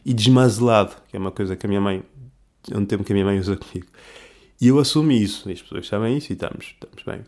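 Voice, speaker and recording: Mellow-voiced rambling man. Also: on the low side, very fast. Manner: rambling, slangy, self-correcting. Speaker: podcast host. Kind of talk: casual monologue.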